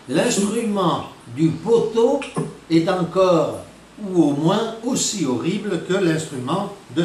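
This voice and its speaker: A man's voice: a little high, darkish tone. A man giving a teaching talk on scripture, emphatic and full of rhetorical questions, recorded from some distance in an echoey room. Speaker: preacher. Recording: echoey, from a distance, faint noise.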